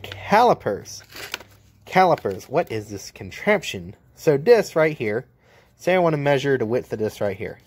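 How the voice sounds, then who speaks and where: A man's voice: medium pitch, sing-song, a little slow, darkish tone, a little hiss or hum. An American man, a welder, giving a casual hands-on demo of his tools, blunt and joking, filmed one-handed at an outdoor work table. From United States. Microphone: handheld camera mic, filming one-handed.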